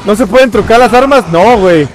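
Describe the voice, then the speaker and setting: A man with a Mexican accent giving let's-play commentary, excitable and swearing, yelling at enemies. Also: high voice, brisk, a little hiss or hum. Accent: Mexican Spanish. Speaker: gaming channel host.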